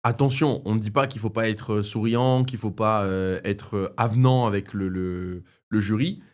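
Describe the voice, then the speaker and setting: A man hosting a relaxed finance video, chatting easily and pausing with hesitations as he introduces and comments. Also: on the low side. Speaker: host.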